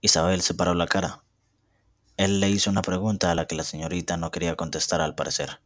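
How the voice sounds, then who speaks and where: Deep-voiced young man reading a novel aloud. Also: dry recording, studio quality. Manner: steady, measured reading. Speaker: student narrator.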